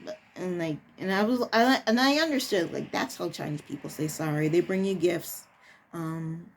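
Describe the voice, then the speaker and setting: This woman, a preschool teacher, recounts something from her own life in a relaxed, halting manner while searching for words. She speaks at a fairly low pitch with a gravelly texture, and there's a slight hiss or hum in the audio.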